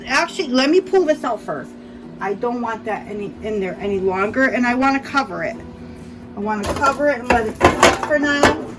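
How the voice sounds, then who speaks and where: A woman with a mild speech impediment talks through her cooking in a home kitchen at an unhurried, drawn-out pace. She chats to the viewer, thinks aloud and corrects herself mid-sentence. Faint music plays underneath. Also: a little high, low-quality recording. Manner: chatty, thinks aloud, self-correcting asides. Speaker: cooking vlogger. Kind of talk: casual kitchen narration while cooking.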